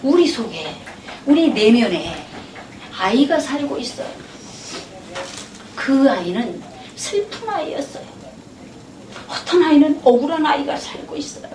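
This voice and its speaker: A woman counselor giving a church lecture, an animated storyteller who acts out the dialogue. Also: high voice, a little slow, pauses often. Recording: echoey hall from far off with noise.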